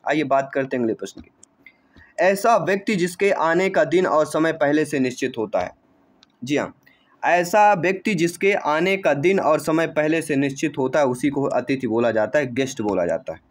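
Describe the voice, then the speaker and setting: A male coaching teacher works through exam questions, quizzing his listeners with rhetorical questions and repeating the answers. His voice sits a bit higher than most men's. He keeps calling the audience dear friends. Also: lively intonation, normal speed. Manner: addresses listeners warmly as dear friends and brother. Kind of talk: exam-prep lesson.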